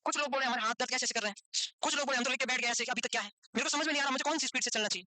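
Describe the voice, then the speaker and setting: A man teaches a nursing class in a high, quick voice. He keeps drifting into teasing stories and banter with his students. The sound is dry and close. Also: sharp tone, no echo. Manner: teasing, chatty storyteller. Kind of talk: classroom lecture with joking asides.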